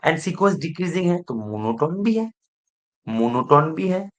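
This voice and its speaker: A man leads a live online math revision class, asking the class over and over whether they follow. His voice sits a little high for a man, and he mixes English technical terms into his explanations. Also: expressive, normal speed. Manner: keeps checking students understand, asks the class repeatedly. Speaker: math teacher.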